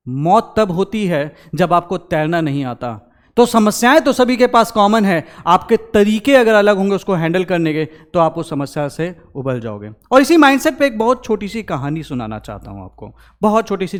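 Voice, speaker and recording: A young man giving a motivational talk to exam students, mixing into his speech and acting out the voices in a story. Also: high voice. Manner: animated, acts out quoted characters. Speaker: exam-prep educator.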